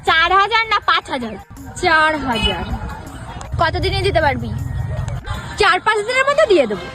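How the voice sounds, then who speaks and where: A woman voicing a squeaky young borrower who pleads for a loan. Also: big pitch swings, normal speed, music in the background, a crowd in the background. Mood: wheedling.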